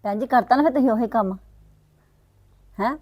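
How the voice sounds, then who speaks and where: An actress playing a blunt middle-aged village wife who talks quickly and reproachfully, in a web series drama. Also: female voice, fairly high pitch, no echo, lo-fi sound, lightly acted. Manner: fast, reproachful, then muttering asides. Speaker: Sukhwinder, sister-in-law.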